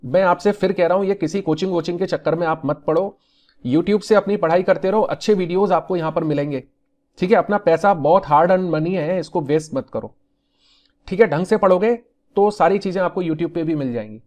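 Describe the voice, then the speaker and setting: Male teacher, high pitch, animated revision lecture, asks and answers his own questions. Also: fairly quick. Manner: animated, talks straight to students, calls them beta.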